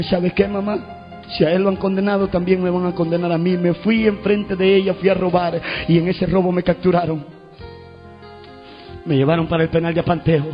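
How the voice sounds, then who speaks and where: A man preaching and telling his testimony, with loud shouted proclamations and call and response. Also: high-pitched. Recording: dull lo-fi recording with faint music.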